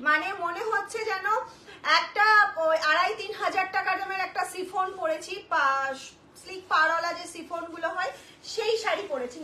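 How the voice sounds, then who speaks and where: A woman hosting a live sari sale, repeating prices and urging viewers to book quickly, slipping into Hindi and English phrases. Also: extremely high pitch, sharp tone. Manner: repetitive, urgent, coaxing buyers. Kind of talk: live-stream sales pitch. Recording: echoey room with faint noise.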